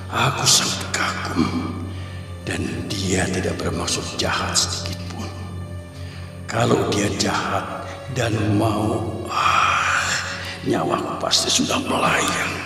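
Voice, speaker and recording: Gravelly, gruff old-radio-drama uncle. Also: male voice, deep voice, slow, pauses often. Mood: awed, musing. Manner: theatrical, muttering to exclaiming. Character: gruff, bossy uncle, a proud martial-arts man. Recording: radio drama with music behind.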